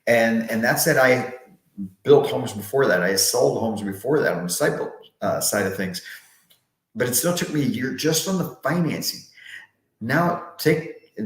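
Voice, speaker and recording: A man hosting a live sales training session, talking upbeat from a bare, unfurnished office that echoes, often restarting words and asking "right?". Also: mid-range voice. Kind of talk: live motivational sales talk. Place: brand-new empty, unfurnished office. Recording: echoey bare empty room.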